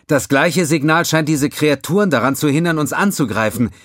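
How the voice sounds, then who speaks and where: A man voicing a calm, analytical male lieutenant who reports and explains. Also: fairly high pitch, moderate pace, no echo, studio quality, pitched above the performer's own voice. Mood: reporting.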